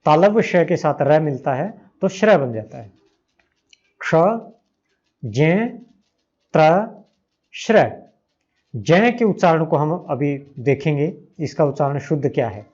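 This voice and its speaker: A man with a Hindi accent teaches a grammar lesson at a very unhurried pace. He repeats each sound carefully so learners can follow. The recording is slightly dull and lo-fi. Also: a little high, lively intonation, a little mellow. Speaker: Sanskrit teacher. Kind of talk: slow spoken grammar lesson.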